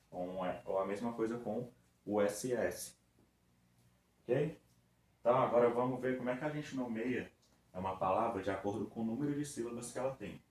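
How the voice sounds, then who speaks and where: A man's voice: on the low side, darkish tone. A man teaching a recorded review lesson for children, patiently stretching out words syllable by syllable. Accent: Brazilian Portuguese. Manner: patient, drawn-out syllable-by-syllable demonstration. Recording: echoey room with faint background noise.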